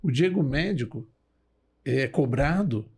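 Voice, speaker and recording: A man's voice: mid-range voice, animated, slow, vocal fry, darkish tone, breathy edge. A man, a doctor co-hosting a podcast, who asks long, winding questions with a light laugh. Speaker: co-host, doctor. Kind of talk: podcast interview.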